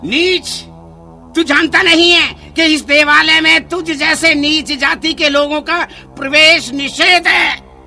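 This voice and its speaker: A man playing a scornful, high-voiced temple priest. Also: steady tone, slow, vocal fry, pushed and bright, exaggerated voice. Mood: contemptuous. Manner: contemptuous, commanding, tuts in disgust. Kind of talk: street play acting.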